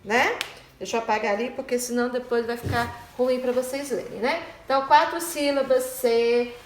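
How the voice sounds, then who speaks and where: A woman's voice: a little high, steady tone, slight background noise. A woman teaching a primary school class in a recorded online lesson, explaining patiently and checking in often with her pupils. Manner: patient, explains slowly with frequent "né?" and "tá?". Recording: echoey room.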